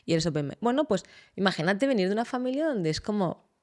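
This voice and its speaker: A woman's voice: medium pitch, fast. A woman, a psychologist hosting a podcast, telling stories expressively in casual conversation. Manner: expressive, animated storytelling.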